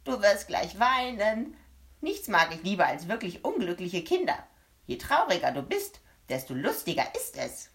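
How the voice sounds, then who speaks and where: A woman reading an audiobook, voicing a spiteful little man who shouts at and sneers at children. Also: medium pitch, sing-song, normal speed, voice pushed up. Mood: sneering. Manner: shouting, sneering, gleeful cruelty. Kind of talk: audiobook character voice.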